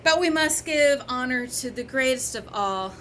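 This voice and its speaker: A male ceremony leader intones in an earnest, preachy way, as a woman quotes him in her story. His voice is a little high and bright. He sounds sure of his own holiness. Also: animated, moderate pace, slight background noise. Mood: solemn.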